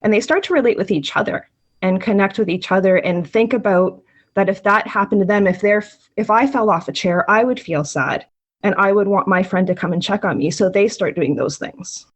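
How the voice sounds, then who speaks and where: Animated woman acting out baby talk. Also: medium pitch, brisk. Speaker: program instructor. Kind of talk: interview answers.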